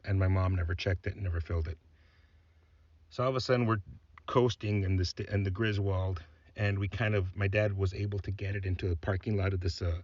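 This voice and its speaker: Husky, rambling South Texas storyteller. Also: male voice, low-pitched, no echo, lo-fi sound. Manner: rambling, heavy on "like" and "uh". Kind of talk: casual personal storytelling.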